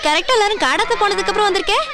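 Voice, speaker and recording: A woman's voice: very high-pitched, rapid-fire. An actress playing a sassy young village granddaughter who mocks her brother. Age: young adult. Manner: sassy, mocking. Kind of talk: film comedy acting.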